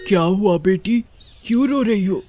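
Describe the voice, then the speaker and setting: A woman voicing a kindly female witch spirit in a cartoon, speaking softly and reassuringly. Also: medium pitch, moderate pace, faint music behind, close to an everyday voice. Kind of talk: storybook cartoon voice acting.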